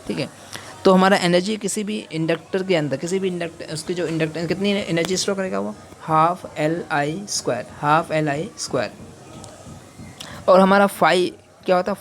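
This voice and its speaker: Man teaching, answering his own questions. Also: fairly high pitch. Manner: asks the class questions and answers them himself; hesitant, with fillers and restarts. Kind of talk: electrical engineering lecture.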